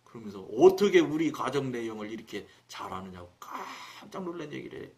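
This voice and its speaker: A man's voice: mid-range voice, brisk. Guy preaching on his show, tells it like a story, voice swings up and down a lot. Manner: animated, colloquial, acts out dialogue in his story. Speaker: preacher hosting his own broadcast. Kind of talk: storytelling sermon.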